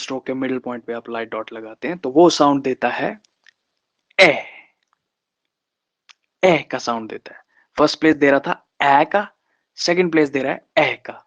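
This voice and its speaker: A man teaching shorthand in an online class, slowly repeating vowel sounds and example words. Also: medium pitch. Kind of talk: online lesson. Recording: slightly dull, lo-fi sound.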